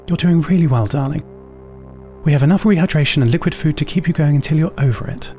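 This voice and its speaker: Man doing a woman astronaut in crisis, pleading and urgent, pitched a bit higher, quiet music under. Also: fast, lightly acted. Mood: tender. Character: desperate woman astronaut pilot. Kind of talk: story reading.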